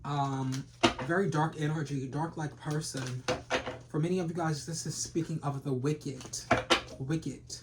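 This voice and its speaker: A man's voice: a little high, steady tone, a little slow, very noisy. A man giving a rambling, casual tarot reading full of slang and repeated phrases. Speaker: tarot reader.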